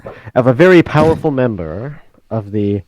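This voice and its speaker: A man's voice: medium pitch, animated, moderate pace, a little mellow, poor audio. A man running a tabletop game over an online call, his voice cutting in and out as the connection drops. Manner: exasperated by repeated dropouts. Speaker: game master. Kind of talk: narrating and voicing characters in a tabletop game.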